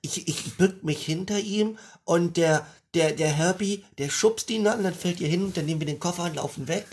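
A woman's voice: fairly low pitch, moderate pace, a little mellow, natural voice. A woman playing a cheeky, playful schoolkid who hatches plans in a comic improv scene. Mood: plotting.

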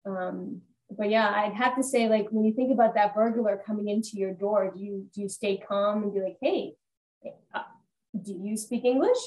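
A woman co-hosting a casual podcast chat about a film, talking in an animated, chatty way. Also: mid-range voice, fairly quick, poor audio. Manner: chatty, animated, laughs often. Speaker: podcast co-host. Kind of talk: casual movie discussion.

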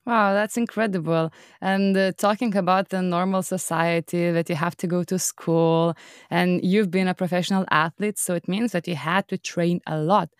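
A woman's voice: fairly low pitch, fairly even intonation, moderate pace, smooth, no echo. Podcast host woman with a dry close sound. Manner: scripted, upbeat introductions. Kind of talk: podcast interview.

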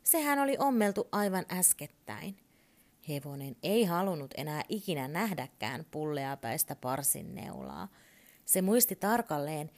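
A woman calmly and expressively reading a children's story aloud. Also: deep voice.

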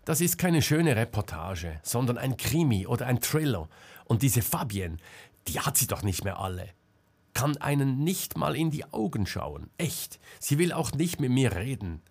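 A man's voice: medium pitch, sing-song, normal speed, a little mellow, husky. A man voicing a determined female reporter who confronts people bluntly and insistently, in an audiobook. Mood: indignant.

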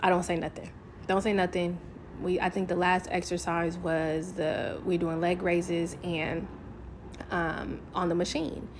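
A woman's voice: on the low side, flat delivery, a little slow, noisy background. A woman talking candidly to camera, telling a personal story in a casual, frank way, swearing freely and filling with "like".

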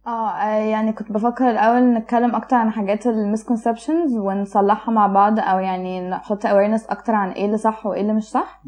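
A woman's voice: mid-range voice, level tone, fast, a little mellow. A woman with an Egyptian Arabic accent, explaining things casually as an expert guest and switching between Arabic and English. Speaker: guest expert, child psychologist.

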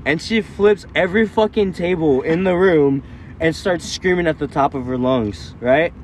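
A man's voice: on the high side, moderate pace, a little mellow, slight background noise. A young man chatting as a podcast guest in his own car, swearing freely and defending himself while he tells stories. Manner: defensive, storytelling, profane. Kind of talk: casual chat.

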